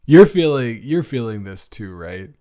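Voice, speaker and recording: Very animated yet unhurried, a man with a warm, medium-pitched voice voices a nervous college athlete who is smitten with a childhood friend he's reunited with. He rambles and stammers earnestly through the improvised romantic audio roleplay.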